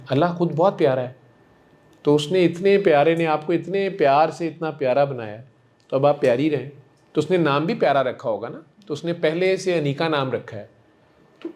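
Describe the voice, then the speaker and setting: A man counseling a patient in a gentle, coaxing and affectionate way, repeating himself warmly. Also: fairly high pitch. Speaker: spiritual healer counseling a patient. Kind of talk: one-on-one counseling session.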